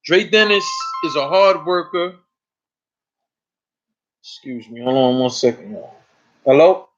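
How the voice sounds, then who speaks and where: A man with a New York accent hosting a casual live stream, his voice sitting a little high. He talks loosely and profanely, stumbling and repeating words. The audio is dull and lo-fi. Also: expressive, measured pace. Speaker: host.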